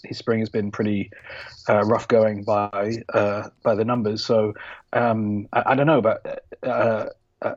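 A man's voice: lowish voice, darkish tone, no echo, lo-fi sound. A man co-hosting a sports podcast, chatting casually with lots of fillers and restarts. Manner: hesitant, many fillers and restarts. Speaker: podcast co-host.

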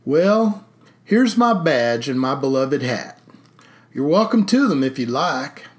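A man's voice: mid-range voice, big pitch swings, takes it slowly. A man voicing a sixty-three-year-old small-town sheriff who speaks in a folksy, wry drawl. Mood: forceful.

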